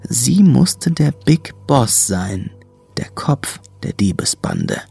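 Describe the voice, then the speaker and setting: A man's voice: medium pitch, huge pitch swings, slow pace, creaky, dark tone, slightly rough, faint music behind. A man reading scripted narration for an audio drama.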